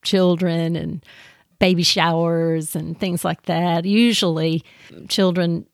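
A woman speaks in a casual podcast chat about teaching children, her tone gentle and eager. She often restarts her sentences. The sound is dry and close, with no room around it. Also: on the low side, little pitch movement, takes it slowly, vocal fry, dry recording.

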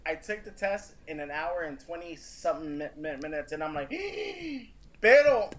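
A man's voice: a little high, animated, normal speed, a bit bright, slight background noise. A man as a podcast interview guest, telling a personal story earnestly and emphatically, with stumbling restarts. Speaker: interview guest, real estate agent.

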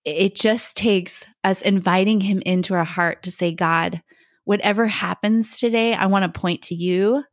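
A middle-aged woman co-hosting a faith podcast, telling a personal story in a casual, animated way, laughing often and acting out what people said. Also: medium pitch, a little slow, no room sound, studio quality. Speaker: podcast co-host.

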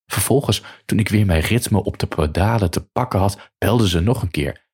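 Man, very low voice, husky, first-person audiobook narration, dry delivery. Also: normal speed, darkish tone.

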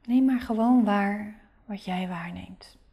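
A woman guiding a meditation in a soft, breathy spa-like near-whisper, giving gentle, soothing, unhurried instructions. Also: medium pitch, highs cut off. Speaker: meditation guide.

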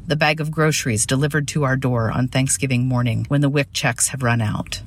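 A woman presenting on suicide prevention, reading a prepared presentation in an earnest, measured way. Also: deep voice.

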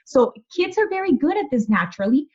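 Outspoken woman in her forties, higher voice, lively candid anecdotes, dull lo-fi recording. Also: fairly quick. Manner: candid, animated storyteller who swears freely. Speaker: guest. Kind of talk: casual interview conversation. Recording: muffled lo-fi audio.

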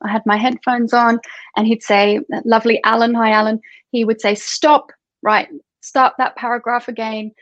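A woman's voice: a little high, flat delivery, normal speed, dry recording. A woman host with an Australian accent, chatting casually and laughing often as she talks through her experiences. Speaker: podcast host and author. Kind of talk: casual interview chat.

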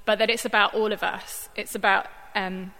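Woman, bright tone, informal sermon with lots of fillers, long reverberant hall. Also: medium pitch, level tone, normal speed. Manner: conversational, thoughtful, many fillers. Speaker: church staff member giving a Bible reflection.

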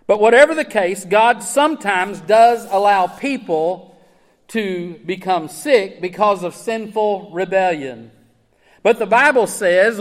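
High-voiced man preaching in a reverberant hall. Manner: earnest, emphatic preaching with rhetorical questions. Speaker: pastor. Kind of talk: sermon.

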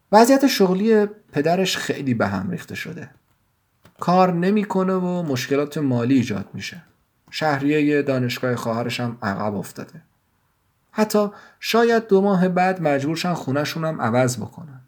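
A man with a somewhat raised voice reads his own short story aloud. He narrates in a measured, even way, with steady scripted delivery. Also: a little high. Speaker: writer and narrator.

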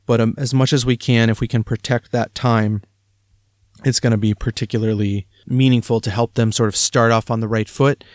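A man's voice: mid-range voice, dry recording, studio quality. A man, likely in his thirties, talking through parenting advice in a conversational, reflective way with frequent fillers. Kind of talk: casual advice talk.

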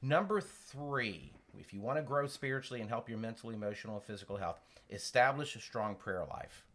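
Low-voiced man teaching about faith. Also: expressive, fairly bright tone. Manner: earnest, with halting restarts and acted-out examples. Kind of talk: conversational Bible teaching.

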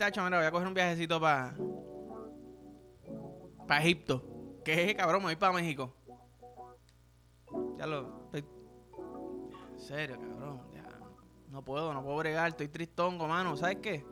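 A young man with a Puerto Rican accent, hosting a podcast in a crude, rambling, joking monologue. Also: a little high. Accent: Puerto Rican Spanish. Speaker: podcast host. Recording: music playing in background.

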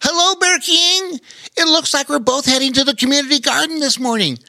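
A man voicing a cheerful young male otter with a high, bubbly, eager voice in a storybook reading. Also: a little fast, gravelly, pushed and bright, no room sound, exaggerated voice. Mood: excited.

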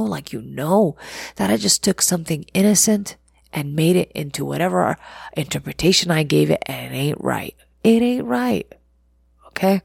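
A woman's voice: lowish voice, gravelly, darkish tone, breathy edge, dry recording, studio quality. A middle-aged woman therapist hosting a parenting talk, speaking earnestly and conversationally and acting out quoted lines. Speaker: therapist and parenting podcast host. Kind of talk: casual advice talk.

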